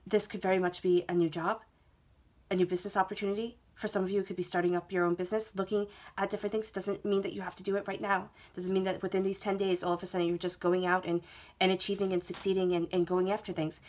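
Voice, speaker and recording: Fast-talking and a little mellow, her mid-range voice flat in delivery, a tarot reader with a head cold goes through cards laid out on an indoor table. This monthly reading to camera is soothing and reassuring, with frequent "okay?" check-ins.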